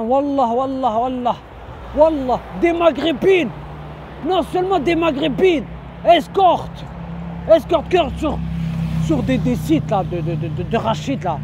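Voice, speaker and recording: A man's voice: sits high, slight background noise. A man, giving an indignant religious reminder outdoors and repeating his phrases again and again. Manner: insistent, repeats phrases over and over; shouting indignantly. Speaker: online preacher.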